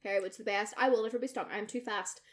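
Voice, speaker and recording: Speaking rapid-fire in a mid-range voice, with slight background noise behind her, a young woman co-hosts a podcast and spins a story in easygoing talk. She's energetic, drops swear words freely, and imitates the people she's quoting.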